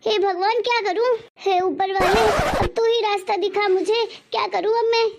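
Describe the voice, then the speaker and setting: A woman's voice: extremely high pitch, fairly even intonation, moderate pace, gravelly, very noisy. A woman voicing a fretful elderly mother-in-law. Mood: distressed. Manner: wailing, calls on God. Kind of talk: animated family story voicing.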